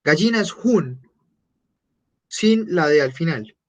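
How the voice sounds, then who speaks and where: Slow, patient man teaching German. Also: on the high side, lively intonation, dull audio. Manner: patient, repeats German phrases slowly and clearly. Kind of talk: beginner language class.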